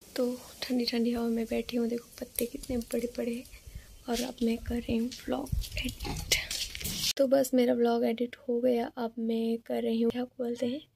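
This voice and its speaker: A young woman, talking slowly and softly in a casual vlog, tired and sleepy. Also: on the high side, completely flat delivery, gravelly, background noise. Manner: soft-spoken, slow and subdued. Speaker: vlogger.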